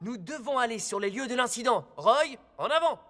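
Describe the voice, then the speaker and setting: A man voicing an earnest young male robot police car who leads rescues and explains clearly, in a French children's cartoon dub. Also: very high voice, lively intonation, brisk, bright, forceful tone, no echo, studio quality, exaggerated voice. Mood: alert, decisive.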